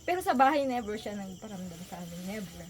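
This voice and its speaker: A woman telling a personal story in a soft, halting voice, close to tears. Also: medium pitch, expressive, a little hiss or hum. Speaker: vlogger and co-host.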